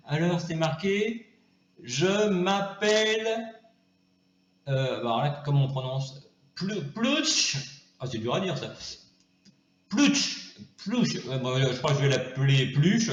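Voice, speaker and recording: A man rambling through a comedic vlog, full of fillers and restarts, sometimes switching to high cooing baby talk. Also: darkish tone, roomy sound, lo-fi sound. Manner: hesitant, many fillers and restarts. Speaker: vlogger. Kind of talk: improvised comedic monologue.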